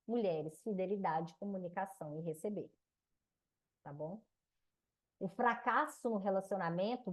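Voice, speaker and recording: A woman with a Brazilian Portuguese accent leads a mentoring lesson on relationships. She speaks in a teaching manner, posing questions to her students and answering them herself. Her voice sits at an ordinary middle pitch. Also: darkish tone. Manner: didactic, asks and answers her own questions. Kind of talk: mentoring class lecture.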